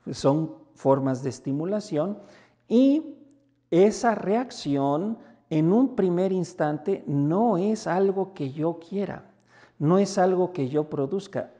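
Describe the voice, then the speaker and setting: Warm-voiced Mexican priest giving a talk. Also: male voice, takes it slowly. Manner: conversational, acts out little everyday dialogues with lively pitch jumps. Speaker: priest and basilica rector. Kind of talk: spoken reflection message.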